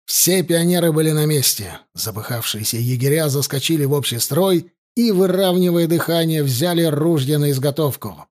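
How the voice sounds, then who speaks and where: A man reading an audiobook in scripted narration, dramatic and slowing down for emphasis. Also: on the high side, a little mellow.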